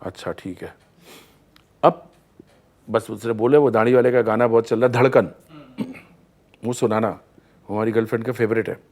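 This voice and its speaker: A male singer, a guest on a talk show, telling anecdotes in an animated way and often laughing as he goes. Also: mid-range voice, normal speed, long pauses. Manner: lively storyteller, acts out scenes and laughs often.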